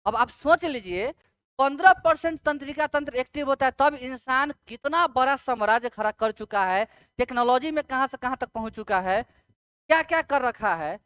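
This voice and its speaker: Teaching exam-prep science, this woman speaks at a moderate pace in a fairly high, smooth, resonant voice with a fairly bright tone. The recording is dry and close, without any room sound. Key terms get drawn out one syllable at a time, and she checks understanding by asking her students rhetorical questions.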